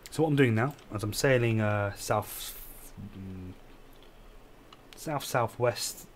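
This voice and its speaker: A man's voice: lowish voice, slow pace, slight background noise. A tired man, rambling and correcting himself as he explains a game he is playing live. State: tired, yawning. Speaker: game streamer. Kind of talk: casual live gameplay commentary.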